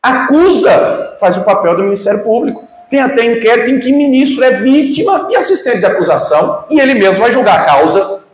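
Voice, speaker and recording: A man's voice: very high-pitched, very animated, fast talker, roomy sound. A man with a Brazilian Portuguese accent preaching a sermon, emphatic and full of rhetorical questions. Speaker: pastor.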